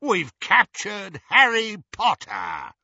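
A man voicing a rasping, brutish male werewolf leader in an audiobook. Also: sits low, expressive, takes it slowly, bright, forceful tone, no echo, highs cut off, voice pushed down, exaggerated voice. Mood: gruff.

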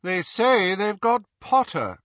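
A man's voice: sits high, big pitch swings, slow pace, a bit bright, no room sound, highs cut off, voice pushed up, full character voice. A man voicing a cold, imperious aristocratic woman in an audiobook.

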